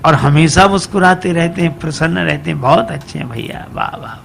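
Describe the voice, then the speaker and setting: A man's voice: a little high, brisk, gravelly, a bit bright, a little hiss or hum. A man voicing a simple-minded, cheerful village husband who talks in a fond, admiring way.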